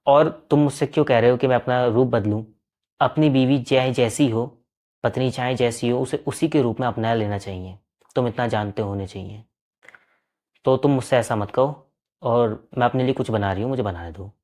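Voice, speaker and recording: A man voicing an eerie, possessive female spirit in a spoken horror story, with a low, quiet delivery. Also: normal speed, close to an everyday voice.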